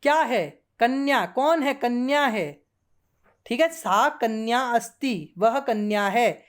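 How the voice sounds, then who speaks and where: Woman teacher, fairly high voice, patient and repetitive, checking in as she explains. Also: expressive, slow. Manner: patient, repeats forms, frequent checking 'theek hai'. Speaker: Sanskrit grammar teacher. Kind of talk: classroom lesson.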